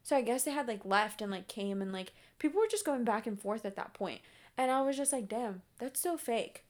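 A young woman vlogger telling a story in casual chat, animated, with lots of fillers and swearing. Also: on the high side, a little fast.

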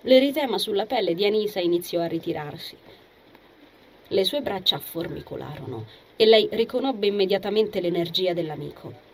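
A woman narrating an audiobook in a measured, expressive reading. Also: medium pitch, a little hiss or hum.

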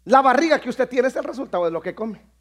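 Very high-pitched man preaching emphatically. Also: animated, fast. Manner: emphatic preaching, rising to shouts at climaxes. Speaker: pastor. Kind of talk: sermon.

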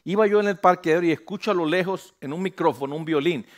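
A pastor preaching a sermon on a church stage, animated, slipping English phrases in and building to loud emphatic peaks. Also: male voice, fairly high pitch, fast. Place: church stage under bright lights.

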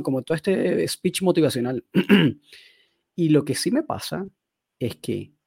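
A man's voice: medium pitch, darkish tone, husky, dry recording, studio quality. A man, a dog trainer talking casually on a podcast, thinking aloud in loose, searching phrases.

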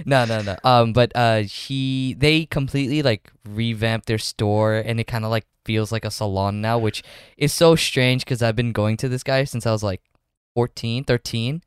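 A man's voice: mid-range voice, fairly even intonation, normal speed, clear, resonant tone, dry recording, clean studio sound. A young man hosting a podcast, chatting in an easygoing way that rambles from point to point. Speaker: podcast host. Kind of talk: casual chat.

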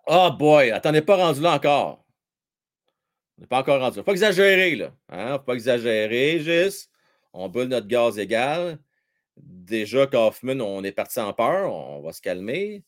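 A man with a Quebec French accent hosting a live hockey stream, commenting on the game and chatting with viewers in a slangy, excitable way. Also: moderate pace. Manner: excitable, chatty, slangy, swings between shouting and low asides. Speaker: hockey livestream host.

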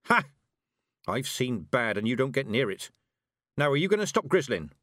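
An older man in audiobook mode voices a stern, blunt, proud old country witch woman, pushing his mid-range, fairly bright voice up and delivering emphatic rustic speech with firm, wry energy. He's very animated at a moderate pace, and the studio recording is clean with no echo.

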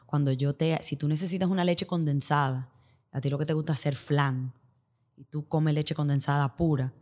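Steady in tone and somewhat mellow, the woman's low voice moves at a normal speed. Her Dominican accent comes through as she plays the expert podcast guest, explaining in Spanglish with English business jargon and illustrating points with hypotheticals in an interview setting.

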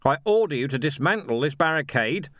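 A man voicing a gruff, weary male watch sergeant who shouts commands at a crowd in an audiobook. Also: on the high side, lively intonation, brisk, no room sound, clean studio sound, voice pushed up. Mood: commanding. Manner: shouting orders. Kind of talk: audiobook character voice.

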